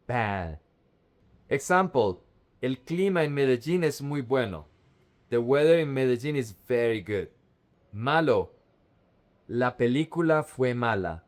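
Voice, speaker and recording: A man teaches a Spanish lesson at a very unhurried pace, leaving space around every word. He says each word carefully and repeats it, stressing its syllables so they come through clearly. His voice sits at an ordinary middle pitch. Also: a little mellow. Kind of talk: slow, careful language lesson.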